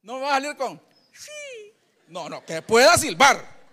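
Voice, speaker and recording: A man preaching a sermon as pastor, telling lively stories with acted voices and sound effects, calling listeners "brother". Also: extremely high pitch, a little slow, big-room sound. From Honduras. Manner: folksy, addresses listeners as brother.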